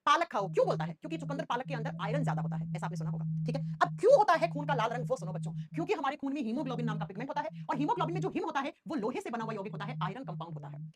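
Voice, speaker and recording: Fast, lively husky woman teacher. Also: a little high, a crowd in the background. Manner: animated, asks students questions and answers them herself. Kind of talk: online exam-prep class.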